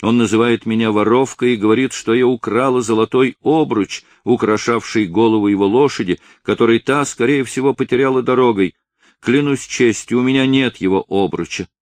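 A terrified teenage peasant girl in a storybook reading, her voice lifted high and strained as she begs in desperate, breathless bursts, put on by a man narrating. The recording is close and dry, with no room around it. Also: animated, normal speed, no room sound, close to an everyday voice. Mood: pleading, frantic. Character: frightened fifteen-year-old peasant girl, pleading.

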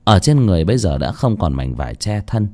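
Low, mellow male horror storyteller. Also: fast. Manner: dramatic, expressive storytelling. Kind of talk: dramatic horror story narration.

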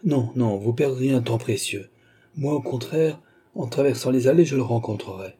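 A man reading an audiobook, voicing a stern and ceremonious young nobleman in a solemn, measured way. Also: mid-range voice, warm tone, slightly rough, voice pushed up, natural voice. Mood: grave.

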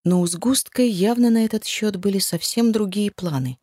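A woman reading a first-person novel aloud, with an expressive, emotional delivery. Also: mid-range voice, moderate pace, breathy edge, no echo, clean studio sound. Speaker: audiobook narrator. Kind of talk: first-person audiobook narration.

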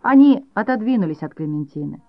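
Measured literary audiobook reader, muffled dry recording. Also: medium pitch, animated, dry recording. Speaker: audiobook narrator.

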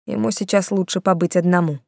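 A woman voicing a calm, measured middle-aged male detective in an audiobook. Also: on the low side, vocal fry, no echo, clean studio sound.

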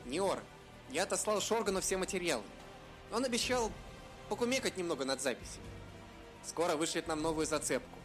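A man doing a cheeky, high-voiced fox. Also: soft background music. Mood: teasing. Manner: teasing, quick, lively. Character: young male fox, cheeky and joking.

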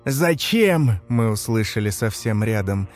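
A man narrating a dark first-person story in a measured, grave, tense manner. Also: mid-range voice, soft background music. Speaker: audiobook narrator.

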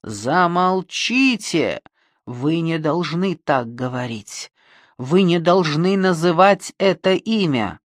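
A reader voicing a tormented male killer who breaks into hysterical, fervent shouting in an audiobook. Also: mid-range voice, expressive, dry recording, studio quality. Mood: raving. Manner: slow, halting, fervent. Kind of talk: audiobook reading.

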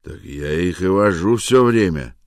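A man's voice: sits low, expressive, unhurried, dry recording, studio quality. A man reading an audiobook aloud, voicing a harried husband who grumbles and snipes sarcastically back at his family. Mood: grumbling. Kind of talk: audiobook character voice.

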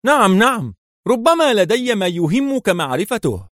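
Captive hitman, very high strained voice, panicked, rushed, dry close sound. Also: sing-song, a bit bright, no room sound. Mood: desperate. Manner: panicked, shrill and hurried. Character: terrified captured male hitman, pleading.

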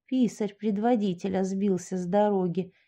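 A woman voicing a gruff, suspicious peasant sexton who mutters his accusations slowly. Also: mid-range voice, fairly even intonation, mellow, close to an everyday voice. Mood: accusing. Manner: slow, muttering, grumbling accusations.

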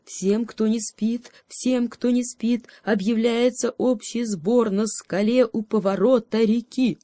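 A woman voicing a clever raven who caws and makes loud announcements. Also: on the high side, steady tone, takes it slowly, no echo, pitched above the performer's own voice. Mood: announcing. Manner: proclaiming, cawing. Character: clever male raven calling everyone loudly.

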